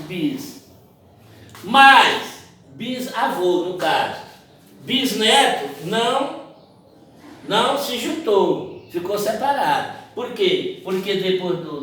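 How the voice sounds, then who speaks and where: A man's voice: high voice, bright, forceful tone, a little hiss or hum. A man teaching a grammar lesson, explaining step by step and asking the class rhetorical questions. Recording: very echoey room from far off.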